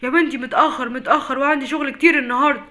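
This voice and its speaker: A woman voicing a busy, pious Egyptian father with a rapid-fire way of talking in a family skit. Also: on the high side, a bit bright, natural voice. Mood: harried.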